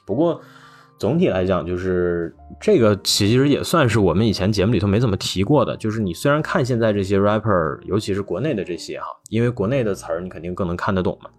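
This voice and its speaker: A man's voice: on the low side, fast, soft background music. A man hosting a podcast, chatting loosely about hip-hop with many fillers and restarts. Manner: rambling, relaxed, many fillers. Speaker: podcast host.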